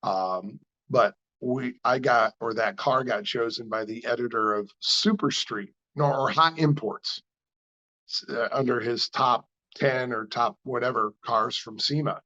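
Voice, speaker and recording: A New man with a mid-range voice spins shop stories in a relaxed interview, jumping up in pitch whenever he acts out what someone said. The recording sounds a little dull and lo-fi. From New York. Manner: animated storyteller acting out dialogue with quick pitch jumps. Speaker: car builder and shop owner. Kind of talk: casual storytelling interview.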